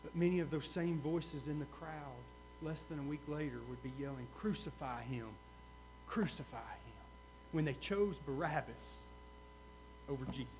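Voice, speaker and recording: Man, high voice, pastor, sermon, earnest, repeats his questions. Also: moderate pace, slight background noise. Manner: earnest, repeats key questions, swings from loud to hushed.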